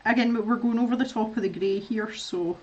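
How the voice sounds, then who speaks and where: A woman's voice: fairly high pitch, a little fast, highs cut off. Scottish lady colouring n chatting, rambly, laughs a lot, middle aged. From Scotland. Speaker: art streamer. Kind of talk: casual chat while colouring.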